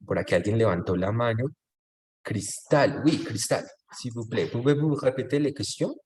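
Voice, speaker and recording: A man with a mid-range, slightly mellow voice speaks at normal speed over slight background noise. Teaching French in an online class over video call, he mixes French phrases into Spanish explanations and patiently checks understanding with tag questions.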